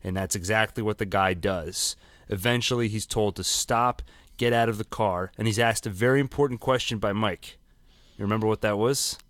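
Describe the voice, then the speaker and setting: Podcast co-host, male, low and dry, casual, explanatory. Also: moderate pace, fairly bright tone, no room sound. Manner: conversational, explains plot at length. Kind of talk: casual recap chat.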